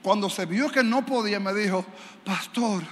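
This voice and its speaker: Man, pastor, animated sermon, high voice, reverberant church, faint background noise. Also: fairly quick. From Dominican Republic. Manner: animated storytelling, acting out dialogue. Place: large church sanctuary.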